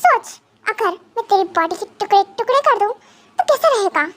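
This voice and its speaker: A woman's voice: extremely high pitch, lively intonation, moderate pace. A woman voicing a menacing young male psychopath gang boss in a fan dub drama, taunting and threatening.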